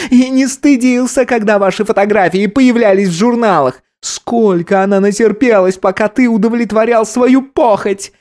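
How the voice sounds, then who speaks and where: A man's voice: high voice, darkish tone, pitched above the performer's own voice, close to an everyday voice. A man voicing a furious grown daughter in an audiobook, screaming bitter accusations. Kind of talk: audiobook character voice.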